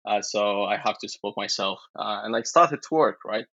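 Brief: Polish man in his 30s, low voice, dull remote-call sound, halting and laughing. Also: creaky, bright, forceful tone, dry recording. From Poland. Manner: halting, laughs often, repeats words. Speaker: guest, online seller. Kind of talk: casual interview chat.

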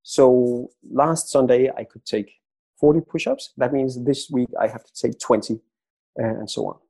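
Danish-accented man with a dark, mellow voice. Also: medium pitch, husky. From Denmark. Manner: halting, repeats words when starting sentences. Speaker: author guest. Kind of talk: conversational storytelling interview.

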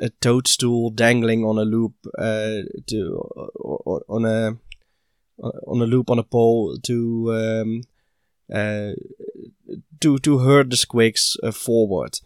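Slow, halting man on a podcast. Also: mid-range voice, dry recording, studio quality. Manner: halting, many fillers and restarts. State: recovering from illness, short of breath. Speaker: podcast host. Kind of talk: casual hobby podcast monologue.

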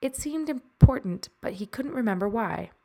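A woman hosting a podcast, narrating a short story in a measured way and signing off in a friendly tone. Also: on the high side, gravelly. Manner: even, measured reading with a friendly sign-off. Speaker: podcast host and story reader.

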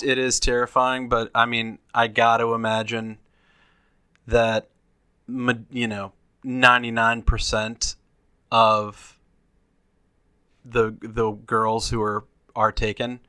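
Bright-voiced man in casual chat. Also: medium pitch, little pitch movement, takes it slowly, long pauses, clear, resonant tone, dry recording. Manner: rambling, restarts thoughts, speculative. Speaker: podcast co-host.

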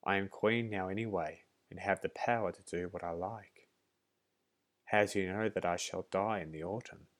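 A man's voice: deep voice, fairly even intonation, normal speed, fairly bright tone. A man voicing a proud, wicked female queen bee in a storybook, speaking in a haughty, indignant way. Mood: defiant.

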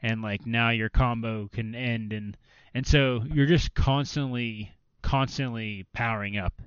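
A man chatting casually on a podcast, rambling and filling his sentences with "like". His voice is smooth and clean, recorded dry and a little dull. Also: medium pitch, steady tone, measured pace, a bit bright, no echo. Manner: rambling, filler-heavy, restarts often. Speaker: podcast co-host. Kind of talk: casual chat about video games.

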